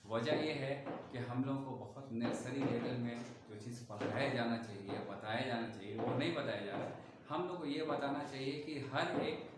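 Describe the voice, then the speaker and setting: A man's voice: mid-range voice, very echoey, heavy background noise. A man teaching a spoken English lesson in Hindi, explaining step by step as he writes on a board and speaks straight to his learners.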